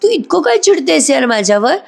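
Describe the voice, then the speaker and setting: A woman's voice: sits high, very animated, fairly quick, vocal fry, voice pushed up, full character voice. Young husband, questioning and defensive, as a woman puts him on. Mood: concerned.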